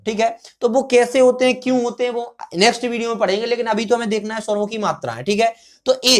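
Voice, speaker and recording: Patient teacher explaining Hindi grammar. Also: mid-range voice. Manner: patient, repeats words, asks and answers own questions; fills pauses with a checking "okay". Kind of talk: classroom-style grammar lesson at a board.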